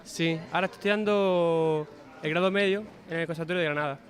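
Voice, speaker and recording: A young man studying guitar, answering questions quickly and eagerly in a slightly high voice. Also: fairly even intonation. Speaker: conservatory guitar student.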